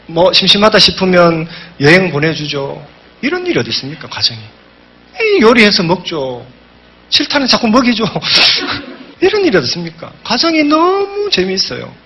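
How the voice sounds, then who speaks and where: A man giving an emphatic motivational seminar speech, telling stories and acting out quotes. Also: fairly high pitch. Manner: emphatic, animated storytelling with acted-out quotes. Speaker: business seminar speaker.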